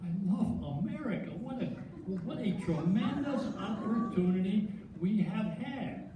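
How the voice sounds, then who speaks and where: An older man giving a halting acceptance speech, stuttering and restarting with self-deprecating humor. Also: high voice, animated, background noise. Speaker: hall of fame inductee. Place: large hall with long echo. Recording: echoey hall, distant mic.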